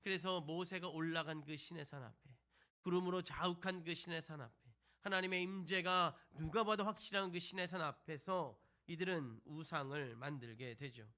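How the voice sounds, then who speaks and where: Bright-voiced male pastor preaching. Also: fairly high pitch, moderate pace. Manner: asks the congregation rhetorical questions; retells scripture with acted quotes. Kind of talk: sermon to a youth service.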